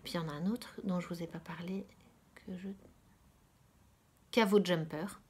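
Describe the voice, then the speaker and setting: A woman from France hosting a casual knitting podcast, talking hesitantly with many fillers, often dropping to a soft near-whisper and repeating her words of praise. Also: lowish voice, fairly even intonation, moderate pace, slight background noise. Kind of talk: casual chat about knitting.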